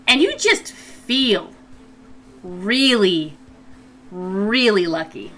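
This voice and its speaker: A woman running a tabletop game as game master, improvising the narration in a playful, halting way. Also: mid-range voice, lively intonation, pushed and bright. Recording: faint background noise.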